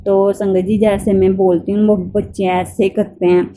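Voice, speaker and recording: A woman with a mellow, warm tone gives devotional testimony to a gathered congregation. She tells her story earnestly and addresses her listeners directly. Her speech is halting and repetitive, with many restarts. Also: mid-range voice, flat delivery.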